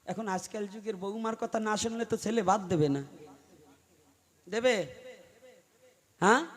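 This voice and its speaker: A man delivering a devotional storytelling sermon to a large gathering, moving from loud pleading to quiet, low asides. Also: unhurried. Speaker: preacher. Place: live gathering before a large crowd.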